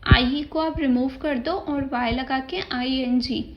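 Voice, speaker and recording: A woman with an Indian accent teaches an exam-prep grammar lesson, working through each rule step by step and spelling words out letter by letter. She speaks Hindi mixed with English terms, in a high-pitched, steady, unhurried voice. The highs are cut off in the recording.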